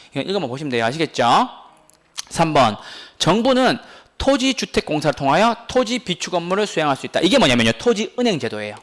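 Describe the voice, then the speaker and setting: A man lectures to exam students with a fairly high voice. His pitch swings widely as he teases the class and keeps firing questions at them. His delivery is animated and talkative throughout. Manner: animated, teasing, asks the class many questions. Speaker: real estate exam lecturer.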